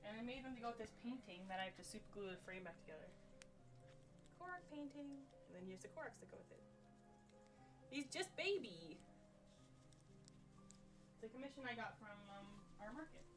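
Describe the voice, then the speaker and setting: Bubbly young woman, slightly high voice. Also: fast, music in the background. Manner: bubbly, goofy, loud bursts. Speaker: co-host, streamer's sister. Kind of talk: casual chat on a crafting stream.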